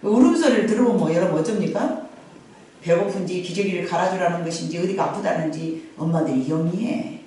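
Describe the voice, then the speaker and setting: A middle-aged woman pastor telling a Bible story in a lively, conversational sermon, repeating phrases and addressing the congregation directly. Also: lowish voice, brisk, slight background noise. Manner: animated, repetitive, conversational asides to the congregation. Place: church sanctuary. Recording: very echoey sanctuary, from far off.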